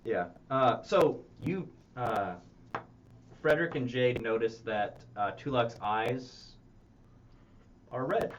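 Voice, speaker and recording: A man's voice: mid-range voice, takes it slowly, pauses often. A man running a tabletop game as game master, rambling and hesitant, often laughing. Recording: muffled stream audio with noise.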